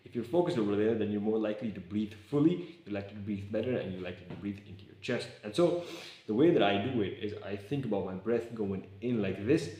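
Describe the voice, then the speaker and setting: A young man vlogging in casual, excitable talk to camera, slangy and swearing. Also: fairly low pitch, fast. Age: young adult. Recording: echoey room.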